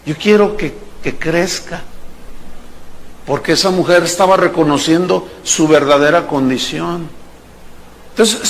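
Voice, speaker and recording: High-voiced pastor preaching. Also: male voice, gravelly, a little hiss or hum. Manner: animated, playful preaching, acts out characters and jokes. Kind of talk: sermon.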